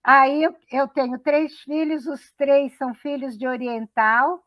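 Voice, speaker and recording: Hosting a web radio talk show, a middle-aged Brazilian woman from São Paulo state speaks in a high voice with fairly even intonation and a slightly slow pace. Chatty and enthusiastic, she laughs easily and restarts sentences often, on lo-fi audio without room sound.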